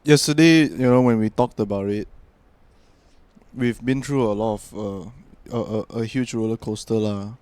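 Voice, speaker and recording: Young man, podcast host, smooth resonant voice, dry close sound. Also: fairly low pitch, normal speed, no room sound. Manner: relaxed, filler-heavy, trailing off. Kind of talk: casual chat.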